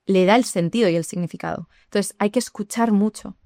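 Lively woman explaining. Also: medium pitch, fairly quick, dry recording, studio quality. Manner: lively, explanatory, addresses listeners directly. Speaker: English teacher. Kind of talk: podcast conversation.

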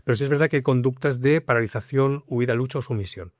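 A man explains things in a lively, conversational way, often repeating his point. He speaks at a middling pitch into a dry, close microphone with no room sound. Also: quick pace, no echo. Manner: explanatory, lively, leans on repetition. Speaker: guest, communication coach. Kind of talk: conversational interview.

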